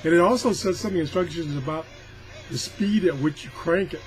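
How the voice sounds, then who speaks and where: An older reviewer briskly demonstrates a product in a casual, rambling, folksy style, grumbling and poking fun at himself. His voice is on the high side, and the amateur recording has clear noise.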